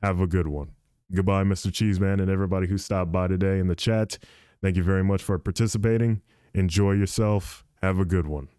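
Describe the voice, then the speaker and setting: A young man talks casually through a solo podcast, loose and rambling, tossing in "dude" often. His voice sits low and mellow. The sound is close and dry, with no room around it. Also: steady tone, a little fast, clear, resonant tone, no echo. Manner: rambling, says "dude" and "good Lord" often. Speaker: podcast host and streamer.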